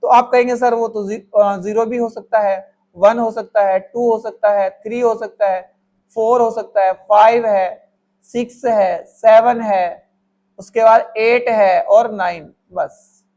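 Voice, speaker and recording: High-pitched Hindi maths teacher, coaxing. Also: male voice, fairly even intonation, slow, darkish tone. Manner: talks students through steps, voicing their answers himself; calls the viewer "my child" affectionately. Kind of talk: classroom maths lesson.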